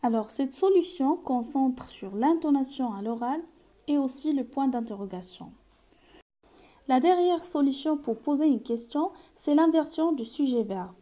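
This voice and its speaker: A woman's voice: high-pitched, expressive, a little slow, warm tone. A woman teacher giving a grammar lesson, explaining carefully and reading out example sentences.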